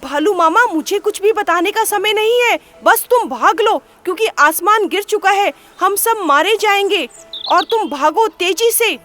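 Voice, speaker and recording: A woman voicing a panicky, timid little rabbit in a children's storybook, frantic and shouting warnings. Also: high voice, lively intonation, slow pace. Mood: panicked.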